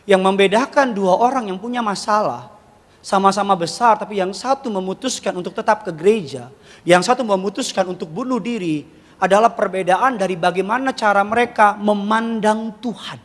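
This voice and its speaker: High-voiced male pastor preaching in a reverberant church. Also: moderate pace. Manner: animated preaching with rhetorical questions and humor. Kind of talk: sermon. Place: large church hall. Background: congregation.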